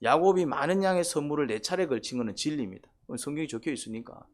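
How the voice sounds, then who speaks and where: A man's voice: fairly high pitch, expressive, very fast. A male pastor preaching a sermon in a conversational way, asking questions and answering them himself, and sometimes acting out quoted voices.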